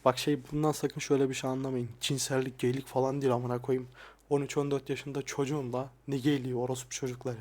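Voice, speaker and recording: A young man talking casually and softly, often swearing, as he looks back at his old videos. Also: level tone, fast. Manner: crude, frequent swearing; soft-spoken, dropping voice low at times. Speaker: ASMR YouTuber. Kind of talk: casual soft-spoken vlog. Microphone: lapel mic.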